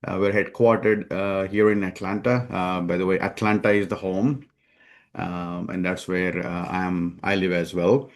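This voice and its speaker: A man being interviewed as a company founder, speaking in a measured way with many hesitations. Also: deep voice, fairly even intonation. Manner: measured, many ums and uhs. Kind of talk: conversational interview.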